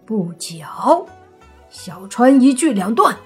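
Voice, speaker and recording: Storybook soldier: woman voicing a brutish male tax guard, loud and abusive. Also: a little high, sing-song, slow pace, breathy edge, faint music behind, voice pushed up, heavily acted. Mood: bullying. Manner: shouting, abusive.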